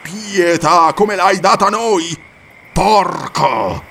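A man voicing Conan, a raging gravelly barbarian. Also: medium pitch, sing-song, moderate pace, sharp tone, distant mic, a little hiss or hum, exaggerated voice. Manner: snarling, raging, frenzied. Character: furious vengeful barbarian warrior, male adult.

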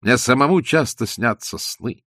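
A man's voice: medium pitch, lively intonation, unhurried, sharp tone, no room sound, clean studio sound. A man voicing a cheerful young con man who talks in an easygoing, sly, good-natured way. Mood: soothing.

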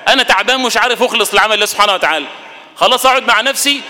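A man with an Egyptian Arabic accent gives a Ramadan sermon in a mosque. His voice is high and bright, and the words tumble out at great speed. A long reverb from the mosque hall trails after him. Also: racing. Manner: colloquial, asks the audience questions. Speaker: preacher.

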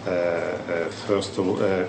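A man with an Italian accent, whose first language is Italian, talks slowly and haltingly at a conference, searching for each word. His voice sits a little low. The recording is roomy and echoey, with a crowd murmuring behind. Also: fairly even intonation, gravelly, background noise. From Italy. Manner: halting, searching for words, slipping into English. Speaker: conference speaker.

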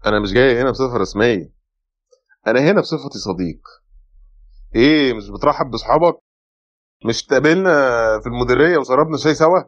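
In dull, lo-fi radio drama sound, an actor plays a brusque Egyptian policeman, a man who talks extremely fast. He is sceptical and insistent, pressing every point bluntly. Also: medium pitch, expressive, natural voice. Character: brusque, sceptical male police brigadier, pressing his case. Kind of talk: radio play acting. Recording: dull lo-fi audio.

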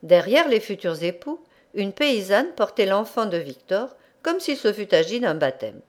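A woman narrating a classic novel as an audiobook reader, with expressive storytelling. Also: mid-range voice, normal speed.

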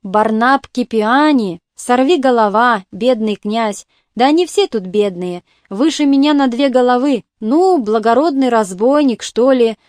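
A woman's voice: a little high, expressive, measured pace, hardly any pauses, darkish tone, no room sound. A woman reading as a remorseful captain. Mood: rueful. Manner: pleading, rambling. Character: hard-drinking remorseful male army captain.

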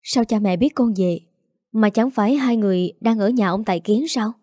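A woman's voice: medium pitch, moderate pace, dark tone, dry recording, studio quality, close to an everyday voice. A woman doing a remorseful young daughter. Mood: earnest. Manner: earnest, choked-up.

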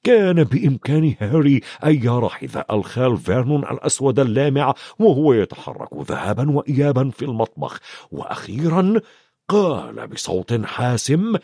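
A man narrating a storybook in an expressive, varied reading. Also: mid-range voice, brisk, slightly rough, dry recording, studio quality. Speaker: audiobook narrator.

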